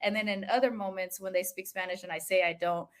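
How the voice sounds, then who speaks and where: Brief: american woman host, mid-pitched voice, lively storytelling, casual podcast chat. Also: fast. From United States. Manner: animated storytelling, laughs often.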